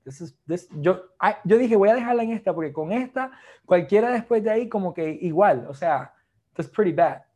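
High-pitched guy preaching, joking around with the crowd, switching languages. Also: moderate pace. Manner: lively, mixes Spanish and English, jokes with the congregation. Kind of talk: sermon.

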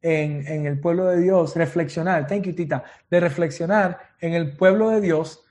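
High-voiced Miami preacher mixing in English. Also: male voice, moderate pace, darkish tone. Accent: Miami Spanish with English code-switching. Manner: mixes English phrases into Spanish, restarts often. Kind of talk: sermon.

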